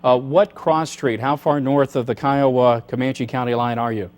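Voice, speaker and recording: A man anchoring live severe weather coverage, explaining radar in a measured, serious way and urging caution. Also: medium pitch, steady tone, darkish tone. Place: TV studio.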